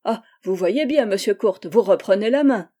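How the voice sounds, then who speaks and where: A woman's voice: medium pitch, lively intonation, moderate pace, warm tone, close to an everyday voice. Woman reading a modest young worker. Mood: polite. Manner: polite, modest. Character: young working man, modest, polite card player.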